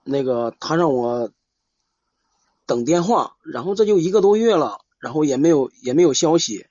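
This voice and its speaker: A man calling in for advice, chatting casually in a hesitant, halting way and repeating himself. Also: fairly high pitch, lively intonation, a little mellow, no echo. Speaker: caller seeking advice. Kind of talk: casual chat. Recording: dull lo-fi live call.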